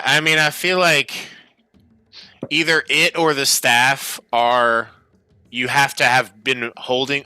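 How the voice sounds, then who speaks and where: A man's voice: medium pitch, sharp tone, clean tone, no room sound. A man running a tabletop game as game master, easygoing and laughing often.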